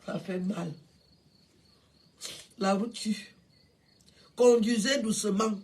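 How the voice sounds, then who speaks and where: Tearful older woman, halting. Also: mid-range voice, darkish tone. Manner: halting, repetitive, stammering. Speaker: livestreamer paying tribute. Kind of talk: tearful live video tribute.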